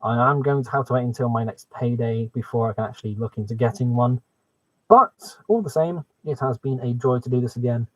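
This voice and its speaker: A man hosts a casual live stream about his hobby. He talks in an enthusiastic, chatty way at a middling pitch. The microphone sounds muffled, with very little room echo. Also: a little fast. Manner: enthusiastic, exclaiming.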